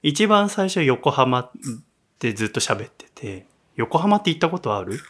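A male host chatting on a casual radio program recorded in a small bar. His pitch sits in a middling register but swings widely as he jokes and teases his guest. He keeps his voice restrained and soft. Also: very animated, normal speed. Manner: playful, teasing, habitually soft-spoken. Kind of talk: casual chat. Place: small bar used as studio.

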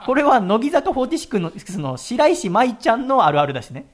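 Male radio host, casual chat, joking and teasing, quick talker, lively pitch. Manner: teasing, jokey, fast-talking.

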